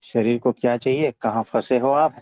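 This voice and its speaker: A man with an Indian accent giving a conversational spiritual discourse, teaching in a calm, gentle way and often checking for agreement. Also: medium pitch, moderate pace, no echo, poor audio. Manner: didactic, often seeks agreement with short tag questions. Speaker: spiritual teacher answering devotees' questions.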